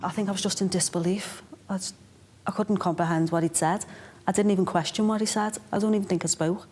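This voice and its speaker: A woman, a mother recounting events in a documentary interview, quiet and halting. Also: medium pitch, fairly even intonation, a little hiss or hum. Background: soft music score.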